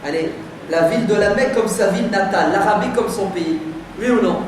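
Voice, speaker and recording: A French preacher with a voice that sits high talks fairly quickly to a live community audience, posing emphatic rhetorical questions in a conversational, lively lecture. It's recorded from a distance in a very echoey, noisy community centre hall.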